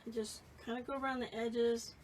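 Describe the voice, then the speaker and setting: Woman in her late fifties, painting instructor, casual chatty tone, slightly high voice, faint background noise. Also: level tone, normal speed, recorded from a distance, low-quality recording. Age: 50s. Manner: casual, chatty, reads viewer comments. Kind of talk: live painting tutorial.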